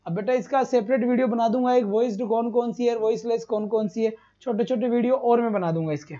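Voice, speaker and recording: A male teacher runs a live online exam-prep lesson in a very high-pitched, warm voice, speaking briskly. He repeats each answer, asks rhetorical questions and calls his students "beta." The stream audio is slightly dull and lo-fi.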